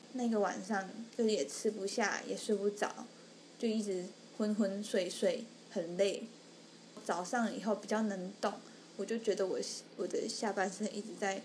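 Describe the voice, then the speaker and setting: Telling a story casually on a podcast she co-hosts, a young woman performs the voices of the people she quotes. She speaks at a medium pitch with a darkish tone, over a slight hiss or hum.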